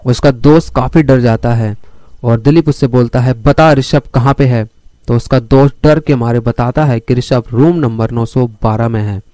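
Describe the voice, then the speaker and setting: A man's voice: mid-range voice, moderate pace, dark tone, no room sound. A man narrating a crime story as a storyteller, leading his listeners step by step through the events. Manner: addresses listeners directly while telling the story.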